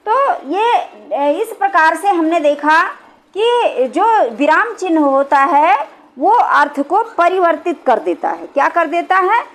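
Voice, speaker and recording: A woman's voice: very high-pitched, lively intonation, takes it slowly. A woman teacher explaining a grammar lesson, patient and repetitive, often checking that her students follow along. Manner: patient, repeats points and checks with "thik hai".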